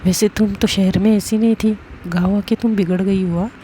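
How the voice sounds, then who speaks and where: A woman's voice: medium pitch, fairly even intonation, normal speed, mellow, a little hiss or hum, lightly acted. Woman voicing teasing playful young Ananya.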